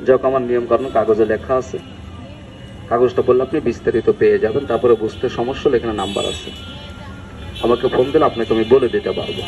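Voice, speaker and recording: An older man giving a folksy street sales pitch as a herbal oil vendor, often addressing listeners familiarly. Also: fairly even intonation, fast, darkish tone, soft background music. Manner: folksy, repeatedly addresses listeners as uncle and brother. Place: outdoors on a busy street. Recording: noisy outdoor street with traffic.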